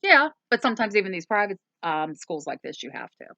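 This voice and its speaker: Rambling woman with a bright voice. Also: mid-range voice, sing-song, fairly quick, dry recording, muffled recording. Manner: rambling, with frequent ums and plain swearing. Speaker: movie review co-host. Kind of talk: casual chat summarizing a movie plot.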